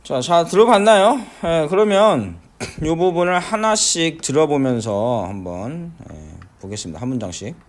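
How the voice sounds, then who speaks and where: A middle-aged man teaching an English listening lesson, breaking down phrases slowly with many fillers and frequent checks that students follow. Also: a little high, lively intonation. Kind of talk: classroom lecture explaining pronunciation.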